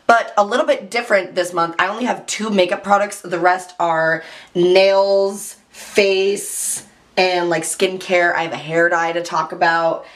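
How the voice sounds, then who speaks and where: Hoarse, chatty woman beauty vlogger. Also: lowish voice, fairly even intonation, a little slow. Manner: chatty, fillers like "like", throat clearing. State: hoarse from losing her voice. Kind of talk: casual chat.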